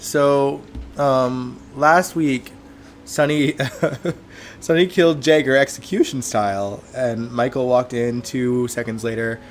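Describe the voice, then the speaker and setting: A man's voice: medium pitch, a little hiss or hum. Stuffy-nosed man hosting a casual chat. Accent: Canadian. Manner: chatty, laughs often, greets chat viewers by name. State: stuffed up from allergies. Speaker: host of a soap opera after show.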